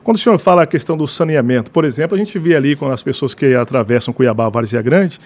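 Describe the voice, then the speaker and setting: A man interviewing a guest, asking brisk, direct questions. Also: mid-range voice, darkish tone. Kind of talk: radio interview.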